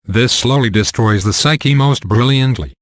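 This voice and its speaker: A man narrating an audiobook in a measured, unhurried reading. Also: mid-range voice, no room sound.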